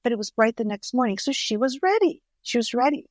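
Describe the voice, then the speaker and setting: An older Greek-speaking woman, a guest author, tells stories earnestly in a conversational interview, often restarting her words. Her voice sits on the high side, animated and fast, recorded cleanly in a studio with no echo.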